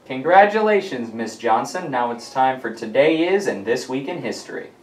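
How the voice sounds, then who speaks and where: A man's voice: mid-range voice, lively intonation, moderate pace. A teenage young man anchoring scripted school morning announcements as a student presenter. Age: teens. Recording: echoey room, off the mic.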